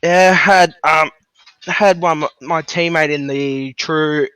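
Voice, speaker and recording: Higher-voiced driver, casual. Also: male voice, fairly even intonation, takes it slowly, a bit bright, clear, resonant tone, dry recording, poor audio. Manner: casual, rambling, tags "and that". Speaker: race driver. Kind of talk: casual post-race interview.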